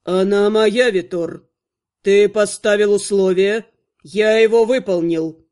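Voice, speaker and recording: A woman voicing a calm, icy and mocking male necromancer. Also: on the low side, moderate pace, pitched below the performer's own voice, lightly acted. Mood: cold smug. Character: cold smug dark male necromancer.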